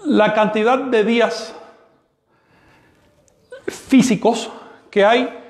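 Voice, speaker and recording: A man's voice: high voice, fairly even intonation, drawn-out words, echoey room. A man giving a live online math class, who explains step by step, asks the class questions and makes the odd sarcastic aside. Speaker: teacher of vigesimal math.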